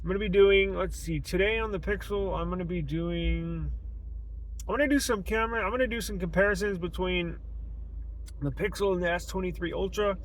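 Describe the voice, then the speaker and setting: An American man talking casually and haltingly as a tech reviewer, thinking aloud into a phone in a car. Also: sits high. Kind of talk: casual rambling vlog talk. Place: inside a car. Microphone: phone selfie camera mic. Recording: noisy car interior phone recording. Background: car and road noise.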